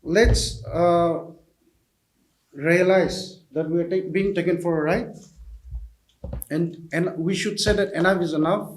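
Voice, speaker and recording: Man, politician at a press conference; slow, emphatic, rhetorical, echoey room. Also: high-pitched, steady tone. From Nagaland, India. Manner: emphatic, rhetorical questions, repeats himself. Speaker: opposition party politician.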